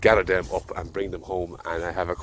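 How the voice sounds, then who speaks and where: An Irish farmer with a deep voice and little pitch movement talks at a quick pace in a casual vlog filmed in a field, with slight background noise. Battling a head cold, he meanders easily through his thoughts aloud.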